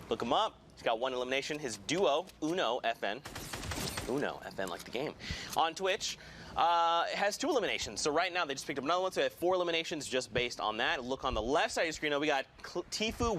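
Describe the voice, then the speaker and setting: A man casting a live esports match with energetic, jokey play-by-play. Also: a little high, a little hiss or hum. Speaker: esports caster.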